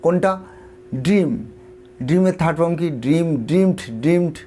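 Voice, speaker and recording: A man's voice: a little high, steady tone, brisk, dark tone, soft background music. A man with a Bengali accent teaching an English spelling lesson, spelling words out letter by letter and asking and answering his own questions. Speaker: English tutor. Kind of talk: explanatory lesson.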